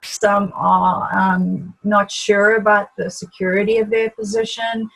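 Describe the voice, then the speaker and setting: Husky-voiced woman hosting an interview. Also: medium pitch, level tone, unhurried, fairly bright tone, poor audio. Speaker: host. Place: video call.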